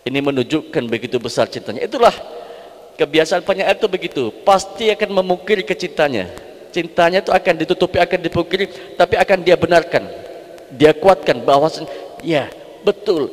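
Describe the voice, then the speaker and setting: A man with a fairly high voice preaches a sermon in a large mosque hall. He repeats key phrases to drive them home and slips into chanting Arabic verses between his explanations. The room gives a long, echoing reverb. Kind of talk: sermon explaining devotional poetry.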